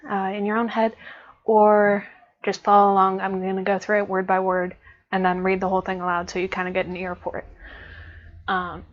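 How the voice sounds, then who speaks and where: A woman's voice: medium pitch, muffled recording. Chatty American woman teaching grammar. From United States. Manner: casual, chatty explaining with many fillers. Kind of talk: online grammar lesson.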